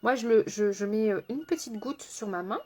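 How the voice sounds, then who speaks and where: A woman's voice: mid-range voice, moderate pace, darkish tone. A woman makeup artist chatting casually on a live stream, laughing often and answering viewers by name as she works. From France.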